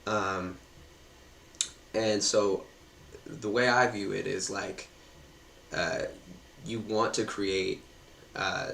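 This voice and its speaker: A man's voice: fairly low pitch, gravelly, bright, forceful tone. A man hosting a casual political debate on a stream, easygoing and full of hedging fillers. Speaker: stream host debating a guest. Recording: echoey room with faint ambient hiss.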